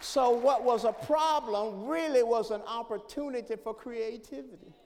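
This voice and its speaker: Gravelly, high-pitched preaching man in a hall. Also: normal speed, a faint crowd. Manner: call-and-response preaching, swings from soft to hollering. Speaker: pastor. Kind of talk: sermon. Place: church sanctuary. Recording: long reverb of a church hall.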